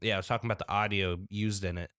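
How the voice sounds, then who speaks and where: Male podcast co-host, low smooth voice, rambling with fillers, dry recording. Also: steady tone, racing, fairly bright tone, no echo. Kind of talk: casual chat.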